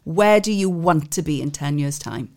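A woman's voice: deep voice, lively intonation, moderate pace, darkish tone. A woman, a youth theatre tutor chatting with and coaxing young members in a casual interview.

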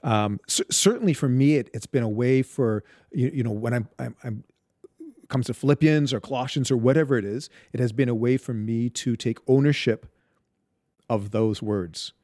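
Male interview guest, halting and reflective, mid-pitched, dry close mic. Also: darkish tone, no room sound. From Barbados. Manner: halting, many restarts and fillers. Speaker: guest, Bible storyteller.

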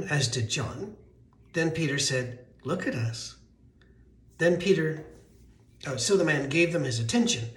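American male pastor, thin weak voice a bit high, conversational storytelling sermon, roomy echo. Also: slight background noise. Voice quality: thin, weakened voice. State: voice weak from allergies. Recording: roomy, echoing sound.

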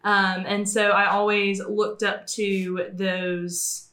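A nineteen-year-old woman on church ministry staff, talking earnestly and at a measured pace on a podcast. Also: mid-range voice, little pitch movement, sharp tone. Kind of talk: casual podcast conversation. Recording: echoey room.

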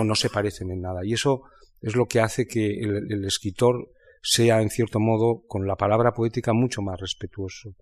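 A man from Spain talking about literature in a reflective conversation, thinking aloud with many pauses and restarts. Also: lowish voice. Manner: thoughtful, halting, many restarts and fillers. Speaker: writer in conversation.

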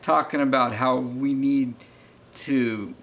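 A man guest speaking earnestly and eagerly about opening his home, with halting restarts. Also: medium pitch, fairly even intonation, fairly bright tone, a little hiss or hum. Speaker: homeowner and guest. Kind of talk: casual interview.

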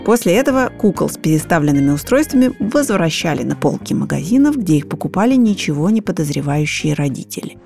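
A woman's voice: sits low, sing-song, fast, creaky, few pauses, mellow. A woman giving explanatory, scripted documentary narration. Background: background music.

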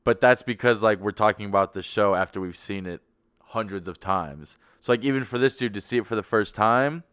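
A man's voice: on the low side, fairly quick, a bit bright, smooth, no echo, clean studio sound. A man co-hosting a casual podcast, talking in a laid-back, rambling way. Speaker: podcast co-host.

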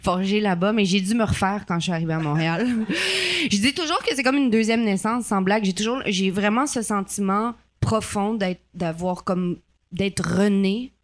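A woman's voice: medium pitch, expressive, normal speed. A young Canadian woman, a guest actress in a casual podcast conversation, talking at length with many hesitations and restarts. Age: 20s.

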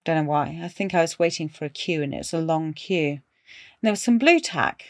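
A middle-aged woman hosting a podcast and casually telling her own ghost story, animated but dropping to hushed tones for suspense. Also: low-pitched, normal speed, no room sound, studio quality. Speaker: podcast host.

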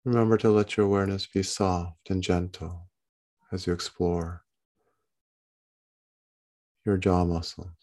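A man guiding a body-scan meditation as a teacher, in a calm, meditative tone with gentle instructions in short phrases. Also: low voice, measured pace, pauses often.

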